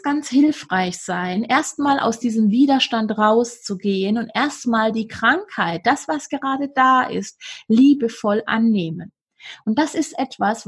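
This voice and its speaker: A woman's voice: fairly high pitch, breathy edge. A woman hosting a podcast, giving an earnest self-help monologue and speaking straight to the listener. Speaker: podcast host.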